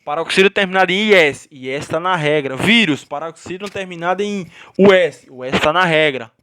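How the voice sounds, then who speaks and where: Brazilian guy teaching grammar, kinda high voice, keeps asking "right?" as he goes. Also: brisk, background noise. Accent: Brazilian Portuguese. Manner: explains step by step, checks in with "certo?" and "beleza?". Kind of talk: grammar lesson.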